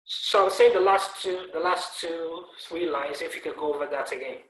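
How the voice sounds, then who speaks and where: A man's voice: a little high, normal speed. Man on a glitchy, echoey video call. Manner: keeps checking the connection, repeating himself. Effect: heard over a glitchy video call. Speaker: interviewer. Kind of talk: online interview.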